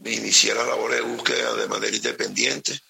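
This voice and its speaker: A middle-aged Venezuelan man with a Venezuelan Spanish accent, speaking on a phone interview, halting and repeating words as he talks slowly and gravely. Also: fairly low pitch, level tone, bright, forceful tone, low-quality recording. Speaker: special state security operator.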